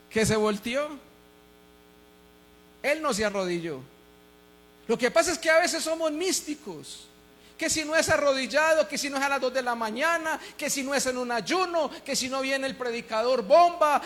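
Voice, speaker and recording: A man with a Colombian Spanish accent preaching a sermon as pastor, dropping to quiet asides and rising to shouted emphasis. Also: extremely high pitch.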